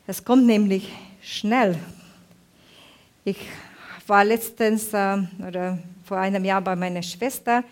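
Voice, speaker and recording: Woman preacher, halting delivery with frequent restarts, sermon testimony. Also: medium pitch, a little mellow. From Hungary. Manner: halting, searching for words, many restarts.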